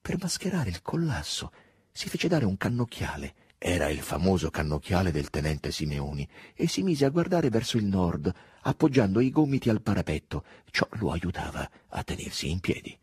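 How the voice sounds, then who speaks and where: Male narrator, husky and low, lively dramatic reading, dry close studio sound. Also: normal speed, dry recording. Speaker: audiobook narrator. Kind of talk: scripted literary narration.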